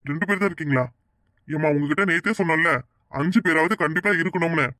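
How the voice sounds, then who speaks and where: A woman's voice: low voice, fast talker, a bit bright, no echo, clean studio sound, pitched below the performer's own voice. A woman voicing a polite, businesslike middle-aged male loan agent in a cartoon. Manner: polite, formal, patient. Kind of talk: cartoon voice acting.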